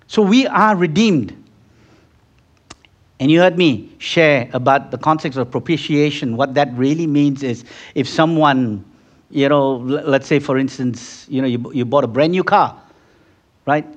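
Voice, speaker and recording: A pastor preaches a sermon conversationally, acting out small scenes and working up to fervent peaks. His mid-range voice moves at a measured pace with long pauses, the recording is muffled, and he frequently restarts and repeats words.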